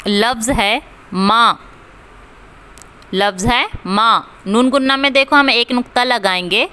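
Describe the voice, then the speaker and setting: A woman teacher talks very slowly and deliberately, spelling each word out sound by sound and then saying it again for the class to repeat. Her voice is bright and crisp, pitched a little high, with clean, clear diction. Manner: spells out words letter by letter and repeats them for pupils. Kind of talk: slow classroom reading lesson.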